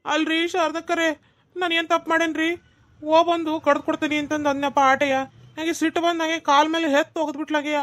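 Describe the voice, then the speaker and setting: A woman's voice: high voice, little pitch movement, fairly quick, a bit bright, dry recording. A woman voicing a whiny, self-pitying village husband in a cartoon, with a North Karnataka Kannada accent. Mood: aggrieved. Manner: whining, self-pitying complaints. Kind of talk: cartoon voice acting.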